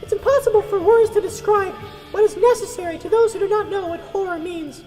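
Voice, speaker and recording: A man voicing a mad, brooding cartoon mouse warlord in a squeaky falsetto, as a solemn monologue in a radio drama parody. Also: fairly quick, a little mellow, soft background music. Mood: brooding, grandiose. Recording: long echoing reverb.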